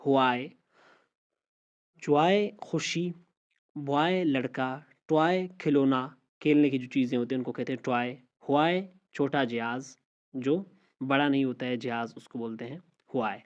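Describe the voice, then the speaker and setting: A man's voice: mid-range voice, a little mellow. Male teacher, patient, drills example words, muffled lo-fi recording. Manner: slow, repeats example words one by one. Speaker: English teacher. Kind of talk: spoken language lesson. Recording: slightly dull lo-fi audio.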